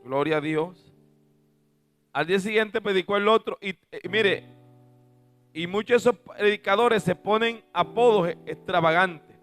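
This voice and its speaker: A man preaching a sermon and telling stories from the pulpit, swinging from booming shouts to soft asides. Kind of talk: sermon with storytelling.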